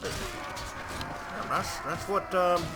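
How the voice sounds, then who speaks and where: A man giving casual, profane, rambling commentary while he plays a game, now and then bursting into shouts. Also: sits high, wildly swooping pitch, extremely slow. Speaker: gameplay commentator. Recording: loud game music behind the voice.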